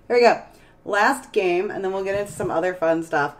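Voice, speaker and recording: A woman streamer chatting casually on a live stream, tired and a bit hoarse, rambling as she searches for words. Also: medium pitch. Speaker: game streamer.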